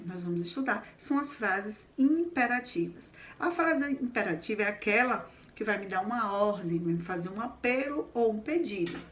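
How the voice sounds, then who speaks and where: A woman teaching a grammar lesson, explaining step by step and often checking in with the class. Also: a little high. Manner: explains patiently, checks in with frequent "certo?".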